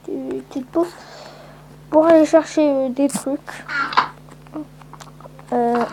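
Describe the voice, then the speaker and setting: A woman's voice: sits high, noisy background. A woman giving casual, rambling let's-play commentary with lots of hesitant fillers. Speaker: gameplay commentator.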